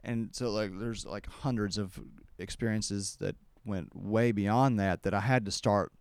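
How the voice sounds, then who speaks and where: Gravelly, deep-voiced male podcast host. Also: fairly even intonation, a little slow, darkish tone, dry recording. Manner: rambling, with many restarts and acted-out quotes. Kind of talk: casual storytelling conversation.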